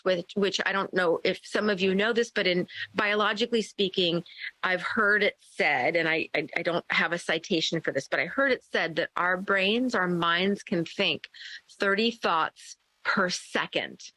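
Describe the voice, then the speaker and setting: A woman's voice: medium pitch, unhurried, pushed and bright, no echo, low-quality recording. A woman co-hosting a podcast, telling a candid personal story in a rambling, self-deprecating way. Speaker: podcast co-host. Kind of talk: personal storytelling in casual chat.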